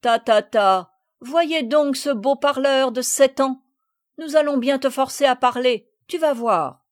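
A touchy, proud boy from a storybook, voiced by a woman reader. He talks in a mocking, prickly way. The voice is fairly high and dry. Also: takes it slowly, no room sound.

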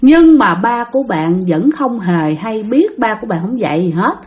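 Young woman w/ telling a spooky story, chatty, talks right to the listeners, lively up-and-down voice, a bit high. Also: normal speed, highs cut off. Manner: chatty, addresses listeners directly. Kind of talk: ghost story narration.

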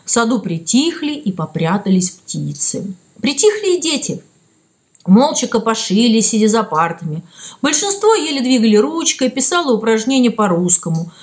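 A woman narrating a children's story in an expressive storytelling manner. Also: fairly high pitch, moderate pace. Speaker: reader.

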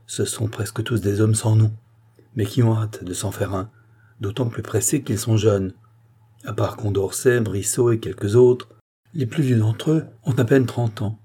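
A man's voice: fairly low pitch, unhurried, mellow, husky. A man voicing an earnest male politician who urgently explains and warns a queen, in a French audiobook reading.

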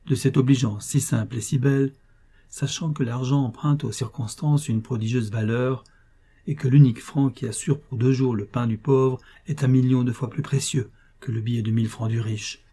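Male audiobook narrator, scripted narration, measured and expressive, dark husky voice. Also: medium pitch.

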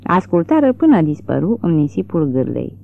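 An audiobook reader narrating a literary novel in an expressive, dramatic way, recorded with a tinny, narrow sound. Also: mid-range voice, creaky.

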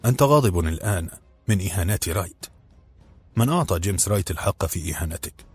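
A persuasive, earnest prince, as a male reader puts him on, speaking calmly with a very deep, husky voice. He sounds like a patient mentor who can turn gently reproachful. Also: fast talker, faint music behind. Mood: friendly. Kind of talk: audiobook character voice.

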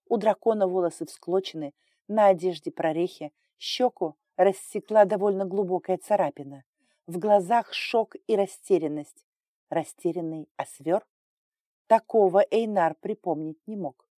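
A woman narrating a fantasy audiobook in an even, measured storytelling manner. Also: on the low side, no room sound, clean studio sound.

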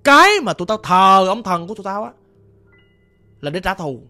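A menacing gang boss who worships a vengeful spirit, as a storyteller puts him on, talking low and slow. His speech is measured and threatening. Faint music plays beneath the voice. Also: lively intonation, bright, forceful tone. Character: menacing male cult leader, gang boss.

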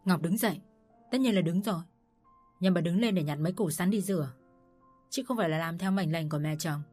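Low-voiced woman reading a story. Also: fairly quick, darkish tone. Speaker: narrator. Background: faint music.

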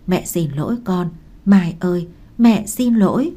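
A woman's voice: fairly low pitch, lively intonation, measured pace, mellow. A tearful, remorseful grandmother, read by a woman. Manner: pleading, tearful apology. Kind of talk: audiobook character reading.

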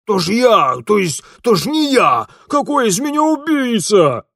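A man's voice: sits high, sing-song, unhurried, a bit bright, no room sound, clean studio sound, pitched above the performer's own voice, exaggerated voice. A man voicing an obsequious rustic village police sergeant who whines and grovels. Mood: pleading. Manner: whining, obsequious.

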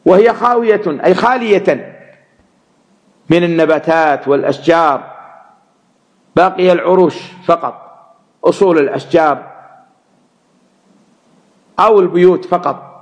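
A man teaching Quran commentary, measured and repeating words to stress them. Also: a little high, muffled recording. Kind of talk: religious lesson explaining verses.

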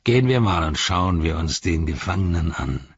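Man voicing a bossy orc captain, barky and raspy, lots of orders, muffled lo-fi sound. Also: low voice, lively intonation, normal speed, dry recording. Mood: barking. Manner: barking, commanding tone.

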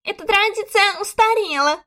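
Woman doing a shrill, scolding court lady. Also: normal speed. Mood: indignant. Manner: sharp, squeaky, scolding.

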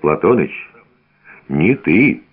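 A man acts out an older village man keeping the peace with soothing, reproachful words. His voice is low, and the radio sound is thin and tinny. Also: sing-song, takes it slowly, slightly rough, full character voice.

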